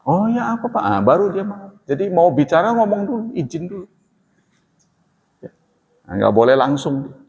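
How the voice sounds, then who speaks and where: Preacher, fairly high voice, echoey hall. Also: male voice, sing-song, normal speed, long pauses, darkish tone. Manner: conversational, acts out quoted dialogue in raised voice. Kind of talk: sermon.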